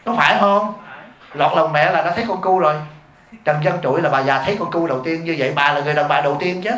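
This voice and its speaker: Male Buddhist monk, rapid emphatic sermon delivery, recorded in an echoey hall. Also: on the high side, a bit bright. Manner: blunt and emphatic, keeps questioning the audience. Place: hall before a live audience.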